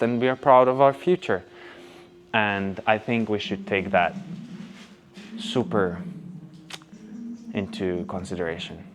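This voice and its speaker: A man from Hungary with a Hungarian accent, talking to camera as a vlogger, emphatic and fond of rhetorical questions, stretching the words he stresses. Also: on the low side. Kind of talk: talking to camera, opinion vlog. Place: on location at old museum buildings. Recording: clear background ambient noise.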